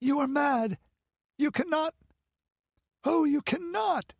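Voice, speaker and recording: A man's voice: extremely high pitch, slow pace, gravelly, no echo, clean studio sound, voice pushed up, heavily acted. A man voicing a fiery young noblewoman in an audiobook, crying out in desperate indignation. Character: fiery, outraged young noblewoman defying her uncle. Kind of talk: audiobook dramatic character voice.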